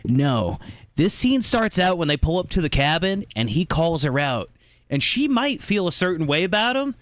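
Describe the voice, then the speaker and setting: Brief: male podcast co-host, lively storyteller who acts out scenes, dry close mic. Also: sits high, moderate pace, dry recording. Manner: animated, acts out scenes in voices. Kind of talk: casual movie discussion.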